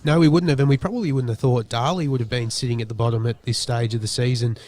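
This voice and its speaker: An Australian man talking through a country football match after the final siren, in the loose, chatty way of a post-match wrap. He pauses often on ums and restarts his sentences as he works his way through his points. His voice sits at an ordinary middle pitch for a man. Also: steady tone, darkish tone. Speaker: football commentator. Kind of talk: post-match commentary chat.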